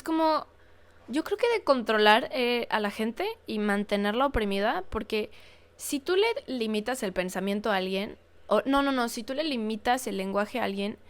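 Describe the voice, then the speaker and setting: A woman with a Mexican Spanish accent rambles through a solo podcast in a fairly high, smooth voice. She talks frankly, throws in filler words and a few swear words, and keeps the tone loose and conversational. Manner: chatty, rambling, frank and profane, with frequent filler words and laughs. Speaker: podcast host. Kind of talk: casual solo podcast monologue.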